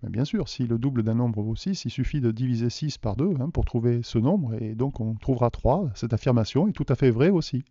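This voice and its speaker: A man's voice: medium pitch, animated, fairly quick, hardly any pauses, dark tone, no room sound. A man from France teaching a math lesson in a video, explaining patiently and putting questions to the viewers. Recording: dull, dry lo-fi voice recording.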